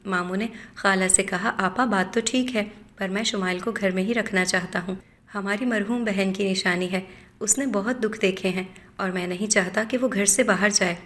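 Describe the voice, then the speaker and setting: A woman narrating a scripted first-person story in a steady, measured reading voice. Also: medium pitch.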